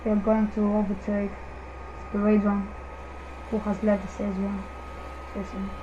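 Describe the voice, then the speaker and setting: A woman giving live motorsport commentary, following the race move by move in halting, non-fluent English. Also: mid-range voice, completely flat delivery. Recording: muffled lo-fi audio with background noise.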